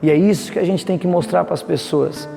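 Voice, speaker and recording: Man from Brazil, pastor preaching, high mellow voice, long reverb, soft guitar behind. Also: fairly quick, vocal fry. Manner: fervent preaching, many restarts, voices imagined objections. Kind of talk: teaching sermon to cell leaders.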